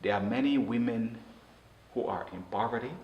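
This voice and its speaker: A man from Liberia, speaking earnestly in an interview and often halting and restarting his words. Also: medium pitch, muffled recording. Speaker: interview guest. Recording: roomy echo with faint noise.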